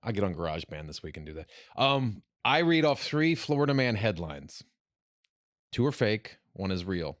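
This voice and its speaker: A man's voice: on the low side, sing-song, moderate pace, no room sound, studio quality. A man in his late forties co-hosting a podcast, joking in casual chat and reading headlines aloud for a game. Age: 40s. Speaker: podcast co-host.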